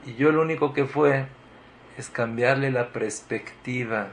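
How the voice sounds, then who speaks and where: A man giving a sermon, telling a story and shifting between emphatic lines and quiet ones. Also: mid-range voice, a little slow, a little hiss or hum.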